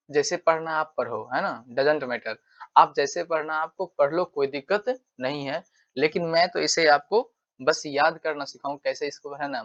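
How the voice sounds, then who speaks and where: A male English teacher giving a casual exam-prep lesson, repeating himself and checking in with tag questions. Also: on the high side. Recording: dull lo-fi sound.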